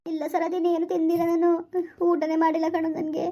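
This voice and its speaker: In a village skit, a woman plays Navya, an anxious, tearful teenage girl who has run away with her lover, pleading and fretting. Her very high, mellow voice is monotone and quick. The recording is dull and lo-fi.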